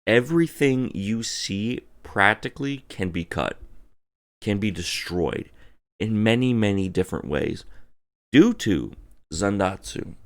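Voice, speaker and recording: Male game reviewer, drunk, very low and fry-heavy, profane, emphatic, stretches out words. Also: animated. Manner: emphatic, theatrical, drawn-out words and repeated phrases.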